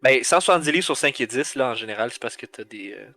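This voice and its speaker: Québécois male co-host, chatty and full of "euh", bright tone. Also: mid-range voice, expressive, quick pace, no room sound. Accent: Quebec French. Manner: rambling storytelling with many fillers. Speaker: podcast co-host. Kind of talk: casual podcast chat.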